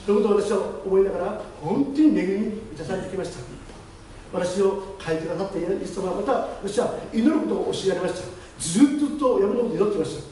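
A man, the pastor, giving a lively testimony sermon and acting out the voices of the people in his story. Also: high-pitched, fast. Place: church chapel. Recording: very echoey hall, distant mic, faint noise.

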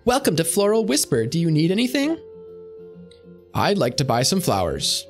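A polite young flower seller greets her customers eagerly, as a man puts her on. The voice is raised well above his usual pitch and moves lively. It is a game character read aloud. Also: normal speed, soft background music.

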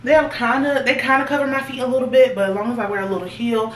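A woman's voice: a little high, fairly even intonation, fast, a little hiss or hum. Chatty young woman vlogging in an echoey room. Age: 20s. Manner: chatty, talks straight to viewers. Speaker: fashion vlogger. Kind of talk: casual try-on haul chat. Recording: echoey room, voice a little far from the mic.

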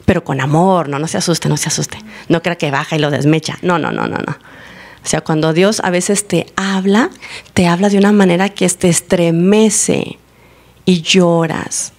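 A woman giving a teaching and testimony to her congregation, telling her story with lively acted-out dialogue. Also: fairly low pitch, moderate pace, vocal fry. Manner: animated storytelling, acting out dialogue. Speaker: church member giving a teaching. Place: church service, recorded live.

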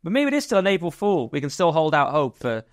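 Male podcast co-host, quick and wisecracking, dry close mic. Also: fairly high pitch, no room sound. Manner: fast, jokey, animated riffing. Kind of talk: casual political chat.

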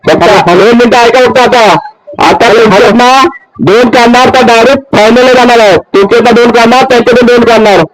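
A man announcing a village festival game through a megaphone, shouting commands to the crowd, heard from a distance. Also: extremely high pitch, steady tone, a little fast, pauses often. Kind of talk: loud event announcing. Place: outdoor village festival ground.

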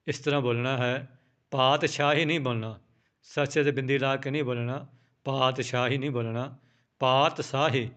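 A man teaching scripture pronunciation, spelling out each word letter by letter and repeating it slowly. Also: mid-range voice, a bit bright, smooth, lo-fi sound. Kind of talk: slow, careful recitation lesson.

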